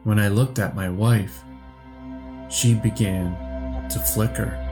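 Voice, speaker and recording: A man narrating a horror story slowly and steadily for a podcast. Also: lowish voice, fairly even intonation, over music. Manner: slow, measured storytelling.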